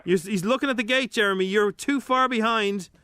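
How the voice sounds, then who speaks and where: A man's voice: high voice, fairly quick, a crowd in the background. A man hosting a radio show, bantering with the people on air. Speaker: radio host. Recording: very noisy radio sound with clicks.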